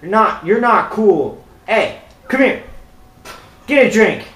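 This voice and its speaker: A man's voice: high-pitched, lively intonation, takes it slowly, echoey room, poor audio. A young man joking around while playing a video game, silly and playful. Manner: goofy, playful, bursts of shouting. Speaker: gamer.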